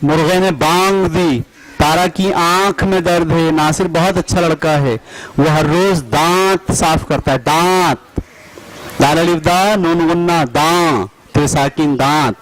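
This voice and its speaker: Slow, deliberate man teaching spelling. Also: on the high side, steady tone, poor audio. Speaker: teacher trainer.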